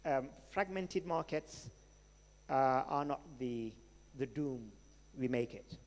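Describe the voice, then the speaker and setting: A man's voice: mid-range voice, lively intonation, slow pace. Senegalese-accented man speaking in an echoey hall. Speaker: keynote speaker and investor. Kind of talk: keynote question-and-answer talk. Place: large hall at a live event. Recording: echoey hall with long reverb.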